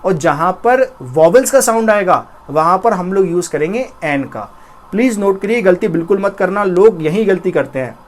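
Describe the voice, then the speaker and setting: A young man with an Indian accent and a high-pitched voice teaches a spoken English lesson. He explains patiently, step by step, and says each example slowly, often twice. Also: lively intonation.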